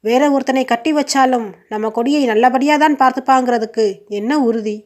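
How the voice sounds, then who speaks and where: Brief: woman reading a blunt middle-aged aunt, frank, high-pitched. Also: normal speed, close to an everyday voice.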